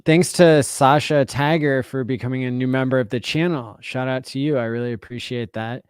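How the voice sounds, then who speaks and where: Smooth, dry-voiced male stream host. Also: medium pitch, brisk, no room sound. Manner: relaxed, with many fillers, thanking viewers. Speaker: livestream host. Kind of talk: casual livestream chat.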